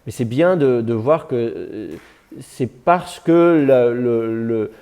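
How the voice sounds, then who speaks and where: Male teacher, mellow and relaxed, patient, thinks out loud in class. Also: mid-range voice, slow, clear, resonant tone. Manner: patient, thinks aloud with many fillers. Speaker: Biblical Hebrew teacher. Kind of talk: classroom explanation.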